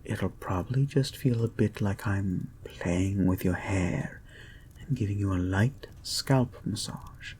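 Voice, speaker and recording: In an intimate hypnosis audio roleplay, a man plays a therapist who is soothing, possessive and gently controlling, his mood both tender and clinical. His voice is on the low side, soft, breathy and husky, often near a whisper, delivered slowly in a hushed, deliberate, coaxing way. There's a little hiss or hum.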